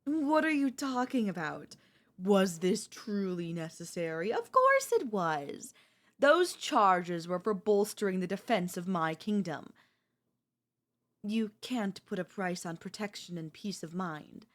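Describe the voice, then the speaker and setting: A woman's voice: medium pitch, sing-song, a little slow. A woman voicing a bratty, spoiled young queen in an ASMR audio role-play, whiny and playfully haughty. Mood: haughty pouty.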